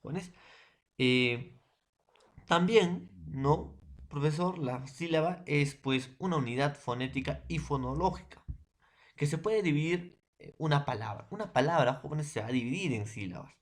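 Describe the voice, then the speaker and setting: A man's voice: a little high, unhurried. A man from Peru teaching a secondary school language class, explaining patiently and repeating his points, with frequent tag questions and fillers. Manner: repetitive, fills every phrase with tag questions and addresses. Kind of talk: recorded online class lecture.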